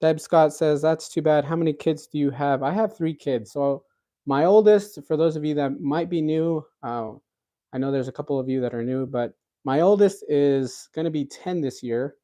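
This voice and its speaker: A man in his thirties, recovering from a cold, chats casually with the viewers of his cooking livestream and reads their comments, rambling with many fillers and restarts. His mellow voice is on the high side, with a moderate pace.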